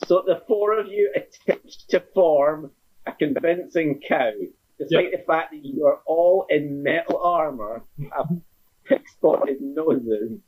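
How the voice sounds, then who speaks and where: A man narrating as game master of a tabletop role-playing game, wry and unhurried with playful asides. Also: fairly high pitch, slightly rough. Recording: dull lo-fi sound.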